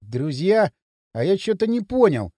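A man's voice: high voice, sing-song, unhurried, mellow, no echo, clean studio sound. A man voicing a timid, plump young man who mumbles and frets nervously.

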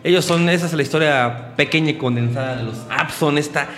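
Guy hosting a radio music show, slightly high voice, long reverb tail on it. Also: a little fast, a bit bright. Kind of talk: radio music program chat.

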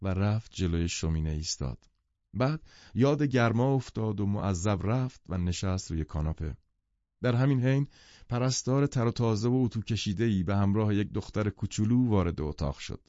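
A man narrating an audiobook in a measured, even reading. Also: lowish voice, no room sound, dull audio. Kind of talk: scripted literary narration.

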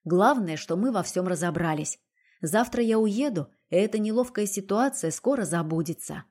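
A woman reading the part of a composed gentleman who speaks softly and coolly. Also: mid-range voice, animated, close to an everyday voice. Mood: cool calm. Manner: soft, cool and measured.

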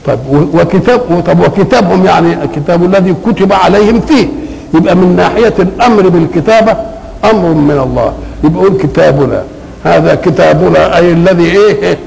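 Older man, Egyptian Arabic accent, gravelly voice, lecturing on scripture, rhetorical questions, slows to recite verses. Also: high voice, darkish tone, a little hiss or hum, rough recording. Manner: conversational, poses questions then answers them, slows down to recite verses. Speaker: Quran commentator. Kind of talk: colloquial Quranic exegesis lecture.

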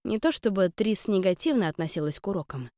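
A woman narrating a first-person audiobook in a calm, wry storytelling manner. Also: mid-range voice, fast talker, no echo, clean studio sound.

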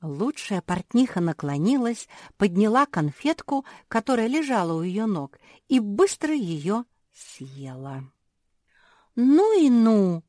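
A woman reading a children's story aloud as a first-person narrator, in an animated way. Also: medium pitch, a little slow, hardly any pauses, dry recording, clean studio sound.

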